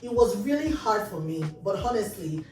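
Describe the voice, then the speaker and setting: A woman's voice: mid-range voice, expressive, normal speed, a little mellow. Lady hosting a chat, acts out little quotes, echoey room, far from the mic, music under it. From Nigeria. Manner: storytelling, acts out quoted dialogue. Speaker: host. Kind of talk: casual panel chat. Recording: roomy echo, distant mic, music behind.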